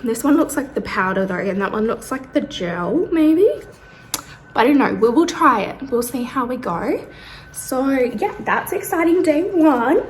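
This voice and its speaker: A woman's voice: on the high side, lively intonation, unhurried, roomy sound, slight background noise. An Australian woman talking casually to camera at home, a little out of breath, with frequent ums. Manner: chatty, with many ums. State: out of breath from pain. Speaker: vlogger. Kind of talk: casual vlog talk to camera. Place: bedroom at home.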